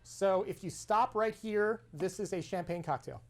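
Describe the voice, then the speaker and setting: A woman's voice: medium pitch, moderate pace. A woman hosting a comedic cocktail show, chatty and explaining each step. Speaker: host.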